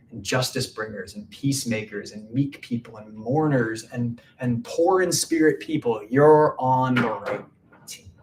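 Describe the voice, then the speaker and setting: A man's voice: mid-range voice, far from the mic, slight background noise. A man preaching a casual midweek sermon, chatty and full of "like" fillers. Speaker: pastor.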